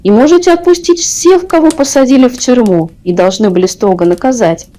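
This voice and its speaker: Woman reading as a fretful storybook king, mellow-voiced. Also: fairly high pitch, a little fast, lightly acted. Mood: relieved. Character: fretful, blustering fairy-tale king.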